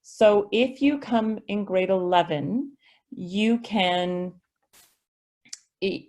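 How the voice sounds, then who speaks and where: During a webinar Q&A on an online video call, a school district representative, a woman, patiently reads and explains answers to questions. Her voice is mid-range and a little mellow.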